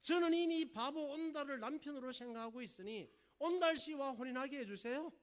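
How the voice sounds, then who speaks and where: A man's voice: very high voice, a little fast, pitched above the performer's own voice. A male pastor voicing a stubborn teenage princess who pleads with her father while telling a story in a sermon. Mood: defiant pleading. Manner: pleading, defiant.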